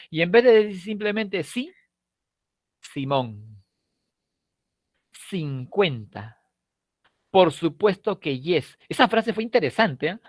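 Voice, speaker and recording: A middle-aged man from Lima, Peru, speaks in a high-pitched voice with a Peruvian Spanish accent, and the studio recording is clean with no echo. He lectures a prep-course language class in a chatty, conversational way, joking with students and often tagging his lines with "¿no?".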